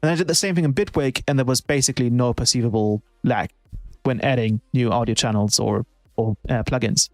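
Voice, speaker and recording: A man's voice: medium pitch, a little fast, no room sound. A man who produces music, chatting casually on a live stream and thinking aloud with many restarts.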